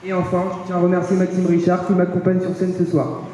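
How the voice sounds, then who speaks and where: A teenage boy presenting a school show, reading a formal welcome in a steady voice, heard from far off in an echoey hall. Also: high voice, quick pace, a little hiss or hum. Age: teens. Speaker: event presenter. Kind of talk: read welcome speech.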